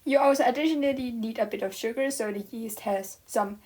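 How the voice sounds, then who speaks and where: A woman's voice: fairly high pitch, brisk, a little mellow. Playful woman narrating her baking. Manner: playful, mock-dramatic asides. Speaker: co-host baking. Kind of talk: casual cooking vlog narration.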